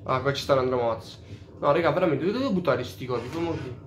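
A man's voice: mid-range voice, fast, a little hiss or hum. A man giving casual let's play commentary, swearing freely and openly baffled by the game. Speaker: gamer. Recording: roomy echo.

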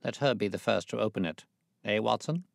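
Casting: man as assured gentleman detective for storybook reading, lowish creaky voice, articulate, authoritative, very dry sound. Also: fairly quick, dry recording. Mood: commanding. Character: self-assured, commanding male gentleman detective.

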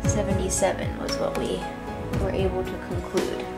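A woman's voice: mid-range voice, level tone, normal speed, loud music behind the voice. A woman in her thirties giving a casual narrated house tour on a handheld camera indoors. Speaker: vlogger. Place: indoors, room under renovation.

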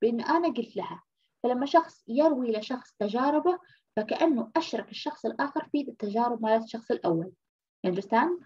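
A woman's voice: fairly high pitch, animated, fast talker, a little mellow, husky. A woman from Egypt giving a university lecture, explaining patiently, repeating key terms and checking in with "okay?". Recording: muffled lo-fi lecture recording.

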